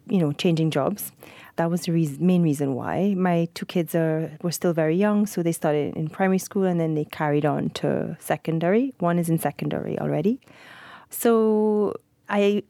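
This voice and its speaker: A woman, answering interview questions in a relaxed, chatty way with many fillers. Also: lowish voice, normal speed, creaky, no echo. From Trinidad. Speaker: guest.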